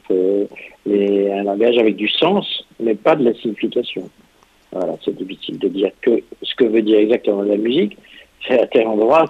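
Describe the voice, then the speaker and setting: A man's voice: lowish voice, husky. Composer man on a tinny phone line. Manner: thoughtful, halting explanations. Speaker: composer and guest. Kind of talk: radio interview on the phone.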